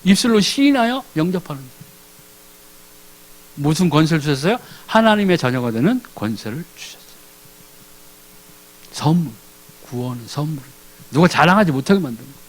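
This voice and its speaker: Brief: male preacher, high voice with lively swings, animated sermon, asks and answers his own questions. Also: brisk, pauses often, rough recording. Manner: animated, acts out biblical characters in casual speech; asks the congregation questions and answers them himself. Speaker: ordained deacon preaching.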